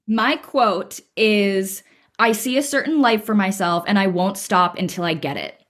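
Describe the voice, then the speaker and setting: A woman's voice: medium pitch, measured pace, a bit bright. A woman co-hosting a casual podcast chat, rambling with lots of filler words, talking from her home computer. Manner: chatty, rambling with many "like" fillers. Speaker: podcast co-host. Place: home at computer, dim room.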